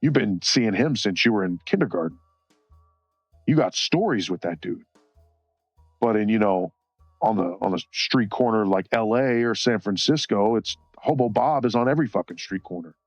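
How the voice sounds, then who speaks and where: A man with a lowish, expressive voice chats casually at a moderate pace while streaming himself coloring, rambling, swearing, laughing often, and reading chat aloud. The dry recording sounds a bit dull, with faint music in the background.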